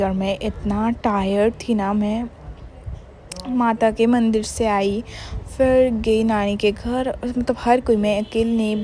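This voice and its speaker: Woman, young adult, casual vlog narration, warm mellow voice, faint background noise. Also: medium pitch. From Bengal, India. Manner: chatty, mixes in English words, many "matlab" fillers. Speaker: vlogger.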